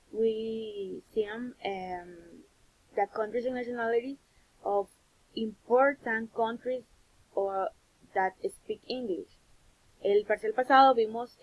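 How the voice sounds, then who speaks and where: A woman's voice: fairly high pitch, muffled recording. A woman from Honduras with a Honduran Spanish accent, teaching a recorded English lesson and explaining things in both English and Spanish. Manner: slow, patient, repeats words for pupils to copy; switches between English and Spanish.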